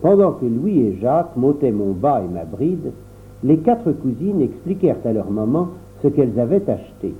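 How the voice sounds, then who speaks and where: A man narrates a children's story in a measured, storytelling way. His pitch is animated and varied. The sound is thin and phone-like. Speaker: audiobook narrator. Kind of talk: reading a children's novel aloud.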